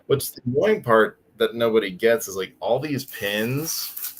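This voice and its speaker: A man's voice: medium pitch, lively intonation, a little slow, a little hiss or hum. A man co-hosting a casual fan podcast, chatty and full of filler words. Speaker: podcast co-host.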